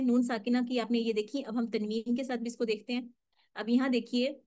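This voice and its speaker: A woman teaching tajweed in an online lesson, explaining patiently step by step and modelling slow, drawn-out recitation. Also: a little high.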